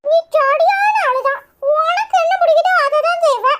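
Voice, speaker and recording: A woman's voice: very high voice, normal speed, a bit bright. A woman voicing a cheeky, food-loving young child in a cartoon, with a Kanyakumari Tamil accent. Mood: chatty. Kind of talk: cartoon voice acting.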